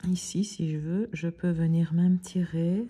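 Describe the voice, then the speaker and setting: A woman hosting a nail art tutorial, talking slowly and calmly through each step. Her voice sits a little low, and she keeps a relaxed, unhurried pace, pausing now and then with small hesitations. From Belgium. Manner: calm, unhurried, explains each step softly. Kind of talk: casual step-by-step demonstration.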